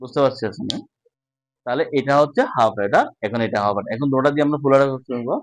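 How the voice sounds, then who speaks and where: A man's voice: medium pitch, racing, no echo, low-quality recording. A man teaching a casual whiteboard lesson, explaining step by step and often checking that students follow.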